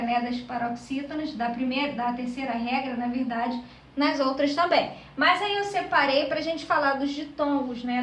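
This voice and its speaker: This woman's voice sits high, sounding bright and forceful as she explains grammar to her class and keeps checking in through tag questions. She is a teacher from Brazil, recorded a bit far from the mic in an echoey room. A little hiss or hum can be heard.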